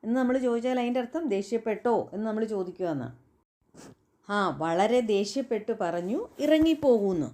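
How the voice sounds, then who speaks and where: A woman whose first language is Malayalam, teaching everyday Hindi phrases and repeating each example slowly and carefully. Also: mid-range voice, darkish tone. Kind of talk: spoken language lesson.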